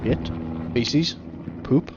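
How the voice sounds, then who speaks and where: Guy doing laid-back game commentary, swears a lot, kinda muffled audio, loud gunfire over it. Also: very slow, slight background noise. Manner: sweary, jokey, laughs often. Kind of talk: casual live game commentary. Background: gunfire, artillery and vehicles from the game.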